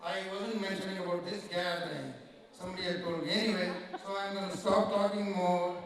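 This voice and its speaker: A man's voice: high voice, steady tone, brisk. A middle-aged man with an Indian accent giving a joking, self-deprecating wedding speech as the bride's uncle. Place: large reception hall. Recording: echoey banquet hall, mic far off.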